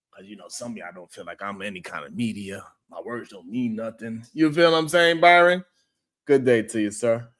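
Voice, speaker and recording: A man hosting a casual livestream, talking loosely and rambling as he greets viewers in the chat and chuckles often. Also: on the high side.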